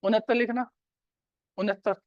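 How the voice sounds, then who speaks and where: A man's voice: high-pitched, steady tone, moderate pace, a little mellow, dry recording, lo-fi sound. A male teacher giving a classroom grammar lecture, repeating key points and quizzing his students.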